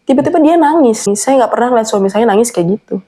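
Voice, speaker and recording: A woman's voice: a little high, animated, fast talker, dark tone. A young adult woman telling a personal horror story in an earnest, anxious way. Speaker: guest storyteller.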